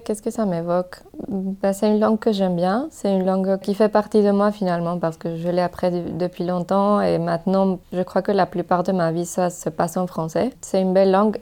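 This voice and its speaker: A woman's voice: fairly low pitch, warm tone. A young woman from Mexico, a native Spanish speaker, speaking French with a Mexican Spanish accent in a thoughtful, hesitant interview, with frequent fillers and restarts. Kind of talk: casual interview talk.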